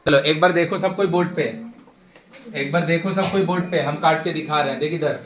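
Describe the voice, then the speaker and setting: Young male teacher, high-pitched, brisk and repetitive, recorded in an echoey classroom. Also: fairly even intonation, a bit bright, slight background noise. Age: young adult. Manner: brisk and insistent, repeats himself, prods students. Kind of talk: classroom maths lecture. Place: classroom with a board.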